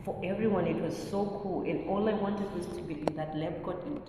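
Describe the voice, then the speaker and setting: Woman guest from Zimbabwe, low voice, long room reverb. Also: brisk, mellow. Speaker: guest, PhD candidate in agricultural science. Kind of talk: podcast interview. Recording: echoey room, mic at a distance, noisy.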